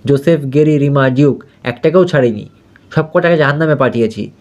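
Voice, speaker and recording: A man's voice: mid-range voice, a little fast, a little mellow, natural voice. A man voicing a deranged, vengeful young male killer with a menacing manner in a storybook reading. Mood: gloating. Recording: dull lo-fi audio.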